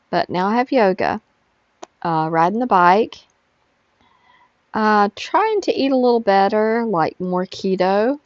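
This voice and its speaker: A middle-aged woman vlogger chatting casually to her viewers, tired and rambling slowly with lots of fillers. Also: medium pitch, no echo. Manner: slow, drowsy rambling with frequent fillers. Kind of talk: casual chat to camera. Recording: dull, lo-fi sound.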